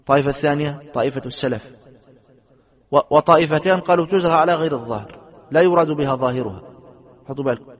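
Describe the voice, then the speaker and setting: A man's voice: fairly high pitch, muffled recording. A man, a sheikh, teaching a classroom lesson on Islamic creed. He reads a passage aloud, explains it, and keeps asking his students rhetorical questions. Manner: asks the students rhetorical questions and checks they understand.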